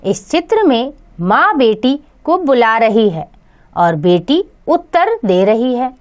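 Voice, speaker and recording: A woman's voice: fairly high pitch, very animated, takes it slowly. A woman narrating a children's grammar lesson in a scripted, careful way, speaking directly to the kids. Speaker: teacher.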